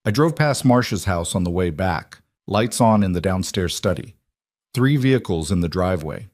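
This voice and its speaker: Gruff biker scout with clipped, businesslike delivery , read by a deep-voiced male narrator. Tight, dry sound. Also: lively intonation, moderate pace, a little mellow, no room sound. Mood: tense.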